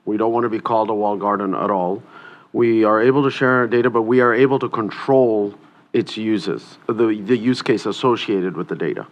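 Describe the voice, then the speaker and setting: A man on a conference panel, explaining his points in a steady tone. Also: fairly low pitch, brisk, highs cut off. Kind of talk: panel discussion.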